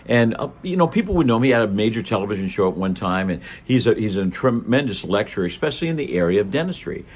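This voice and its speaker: Husky man telling animated stories. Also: fast. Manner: acts out quoted voices with big pitch jumps. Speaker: podcast guest, speaker. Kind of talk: animated storytelling.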